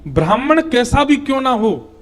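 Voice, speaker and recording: A man's voice: very high-pitched, sing-song, moderate pace, soft background music. A young man preaching a devotional scripture discourse, telling the story with acted dialogue and chanting verses. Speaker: katha preacher.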